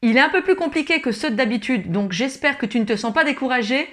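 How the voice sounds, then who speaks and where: A woman's voice: high voice, lively intonation, quick pace. A woman teaching ukulele in an online tutorial, encouraging and talking straight to the learner. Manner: encouraging, speaks directly to the learner. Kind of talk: friendly online music tutorial. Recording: loud ukulele playing under the voice.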